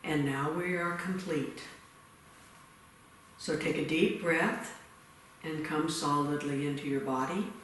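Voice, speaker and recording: A man guiding a meditation in a retreat room, giving slow, soft-spoken instructions. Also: a little high. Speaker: meditation leader. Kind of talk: guided meditation. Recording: echoey room, distant mic, faint hiss.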